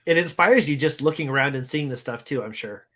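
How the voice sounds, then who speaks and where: A man's voice: medium pitch, brisk, fairly bright tone. A man co-hosting a podcast in casual chat, joking at his own expense in a hesitant, rambling way. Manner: jokey, self-deprecating, hesitant rambling. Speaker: podcast co-host.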